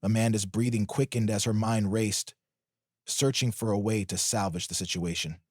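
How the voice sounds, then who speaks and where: Male story narrator, steady scripted delivery, lowish voice, dry close recording. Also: moderate pace, no room sound.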